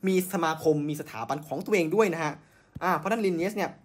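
A man's voice: high-pitched, fast. A man hosting a podcast, telling science history in a casual way, with many fillers and self-corrections. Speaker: podcast host.

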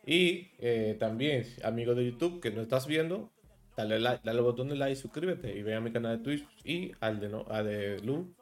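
A man in his thirties from Santo Domingo with a Dominican accent, hosting a relaxed streamed interview and explaining local slang with a laugh. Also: mid-range voice, normal speed. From Dominican Republic. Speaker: host.

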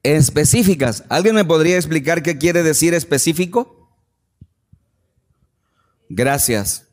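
A man's voice: on the high side, expressive, measured pace. A man preaching a sermon and putting emphatic rhetorical questions to the congregation in a church hall. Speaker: pastor. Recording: long hall reverb.

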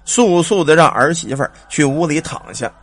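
A man voicing the ghost of a dead old father who speaks through his daughter-in-law, slow and commanding. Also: fairly high pitch, lively intonation, fairly bright tone. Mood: scolding. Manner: slow, drawn-out, commanding speech.

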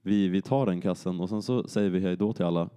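Low, dark-voiced young man rambling. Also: clean tone. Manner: rambling, many fillers and quoted dialogue. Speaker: podcast co-host telling a story. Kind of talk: casual storytelling chat.

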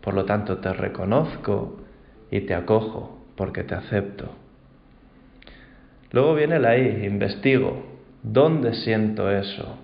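A man gives a calm, reflective mindfulness talk. His voice sits fairly low, and the recording sounds roomy and a little dull. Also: takes it slowly, creaky, pauses often. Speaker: mindfulness teacher.

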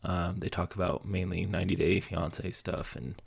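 A young man with a deep, creaky voice and a breathy edge hosts his own podcast from a basement room at home. His intonation stays fairly even and his pace moderate as he rambles casually in a solo monologue, full of fillers and self-deprecating asides.

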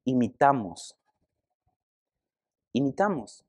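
A man's voice: mid-range voice, slow. A young man, preaching a conversational sermon and asking the congregation questions. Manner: animated, conversational, asks the audience questions.

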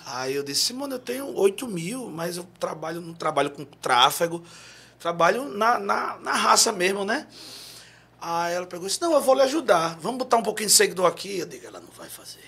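A man's voice: high-pitched, lively intonation, a little fast, sharp tone, slightly rough. A man from Paraíba with a Northeastern Brazilian accent, telling a story as a podcast guest, acting out quotes and breaking into song. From João Pessoa, Paraíba, Brazil. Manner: acts out quotes, bursts into song. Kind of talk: animated storytelling.

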